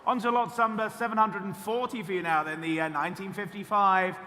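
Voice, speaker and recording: A man runs a live auction with clipped, repetitive bid-calling patter. His voice is fairly high and very bright, cutting through forcefully. It carries long reverb from a big hall. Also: steady tone, a little fast. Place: large auction room at a motor festival.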